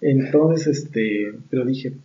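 A man's voice: medium pitch, slow, recorded from a distance, highs cut off. A young man with a Mexican accent telling a story in casual, profane chat. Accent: Mexican Spanish. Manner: slangy, profane, animated storyteller.

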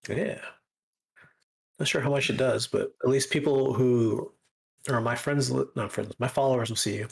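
A man's voice: medium pitch, moderate pace, gravelly. A man hosting a casual gaming stream show, rambling with many fillers and restarts. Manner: rambling, filler-heavy, self-correcting. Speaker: host. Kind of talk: casual gaming podcast chat.

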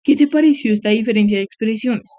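Woman briskly listing word pairs, dry sound. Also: on the high side, mellow, dry recording. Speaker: vlogger. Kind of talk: casual explainer monologue.

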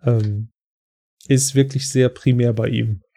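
Speaking slowly in a warm, steady, medium-pitched voice, another male podcast co-host casually retells a TV episode. His recap is loose and rambling, packed with fillers.

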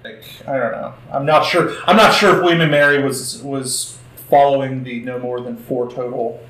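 A man's voice: medium pitch, steady tone, moderate pace, a bit bright. A man co-hosting a podcast in casual chat, hesitant and full of restarts and hedging. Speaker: podcast co-host. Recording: echoey room.

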